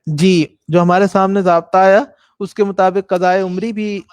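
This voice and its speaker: High-voiced man teaching a religious lesson. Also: little pitch movement, smooth, dry recording. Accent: Pakistani Urdu. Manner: explanatory, demonstrates recitation, repeats points. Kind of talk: classroom lesson on call-to-prayer rules.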